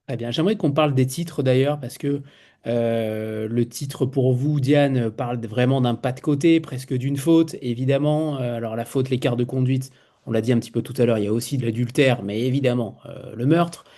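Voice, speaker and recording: Male host of a book chat, mellow warm tone, measured questioning. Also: medium pitch. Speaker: interviewer host. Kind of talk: literary interview questions.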